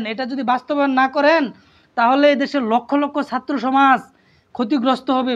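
A man with a strikingly high-pitched voice delivers an impassioned appeal. He pleads, repeats his phrases and keeps asking rhetorical questions. The recording is dull and lo-fi. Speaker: activist. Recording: dull lo-fi sound.

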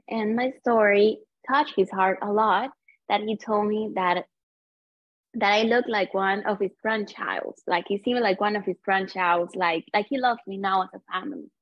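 Telling her own story as an interview guest, this Cuban woman in her thirties talks at a medium pitch, earnest and slow, often pausing to find words in hesitant, filler-heavy non-native English. The sound is dry and slightly dull, without echo.

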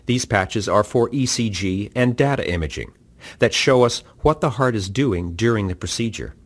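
Guy narrating a clinic orientation video, lowish voice, calm and measured but lively in pitch. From Canada. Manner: calm, measured instructional delivery. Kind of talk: scripted narration.

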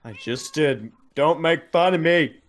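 A young man casually chatting while playing a game, playful and squealing excitedly over small finds. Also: a little high, a little slow. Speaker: co-player. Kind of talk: casual gameplay chat.

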